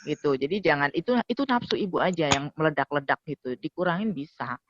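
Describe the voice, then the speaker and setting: A woman's voice: low voice, animated, quick pace, noisy background. A woman lecturer giving firm, practical advice in a lecture and discussion. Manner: firm, advising, many "mm-mm" backchannels. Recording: dull dry lo-fi sound.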